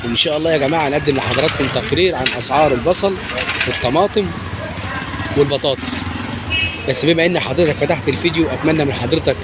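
An Egyptian man presents a market price report at a very fast pace, repeating prices for his viewers. His voice sits a little high. Loud street and traffic noise surrounds him. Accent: Egyptian Arabic. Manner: repetitive announcing of prices to viewers. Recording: very noisy outdoor street with traffic.

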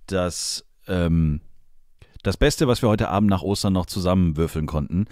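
A man's voice: sits low, a little mellow, no room sound, clean studio sound. A man in his forties hosting a casual podcast chat over a call from his office, playful and teasing. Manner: playful, teasing, quick banter. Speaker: podcast host. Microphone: remote call.

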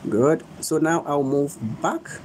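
On his phone's front camera indoors, a young Ghanaian livestream host walks viewers through a phone tutorial in Ghanaian English, his voice a little high and steady in tone. He repeats himself at a slow pace and pleads with people to stay, against a noisy background.

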